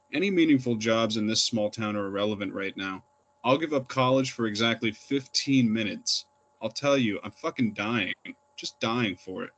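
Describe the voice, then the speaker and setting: A man's voice: medium pitch, fairly bright tone. A young man reading his own poems aloud at an open reading, plain and unpolished, with fillers between poems. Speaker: poet reading. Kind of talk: poetry reading.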